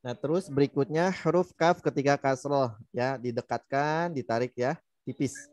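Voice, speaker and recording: Male recitation teacher, mid-pitched, patient, repeats sounds, dry close mic. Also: moderate pace, darkish tone, no echo. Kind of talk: online tajwid lesson.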